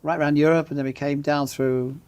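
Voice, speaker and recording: Older English man, genial raconteur, slightly high voice, studio chat. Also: level tone, a little fast, a little mellow, clear, resonant tone. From England. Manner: genial storyteller, dry humor. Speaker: guest, magazine founder and journalist. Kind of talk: casual interview chat.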